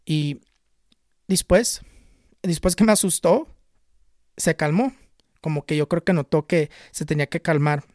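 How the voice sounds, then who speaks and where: A man telling a personal story in a casual, halting way, often repeating and restarting words. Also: on the high side, darkish tone, no echo, clean studio sound. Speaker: channel host recounting a spiritual experience.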